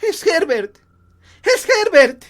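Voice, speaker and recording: Man putting on a shrill, frantic grieving mother. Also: sing-song, takes it slowly, a bit bright, exaggerated voice. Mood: crying out. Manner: shrill, pleading, high-pitched cries.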